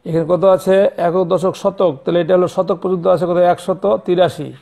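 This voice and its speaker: A man's voice: high-pitched, level tone, a little fast, warm tone. A man teaching a math lesson to young pupils, patient and repetitive, stopping to correct how numbers are said and spelled. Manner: patient, repeats and corrects pronunciation. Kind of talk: classroom lesson. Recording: tinny phone-like sound.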